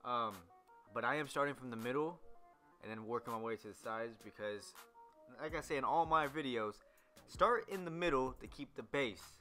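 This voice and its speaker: A man's voice: mid-range voice, moderate pace, pushed and bright, faint music behind. A young man, a barber, talking loosely through a haircut tutorial with lots of ums and restarts. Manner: loose, rambling, many fillers. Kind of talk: casual voice-over tutorial.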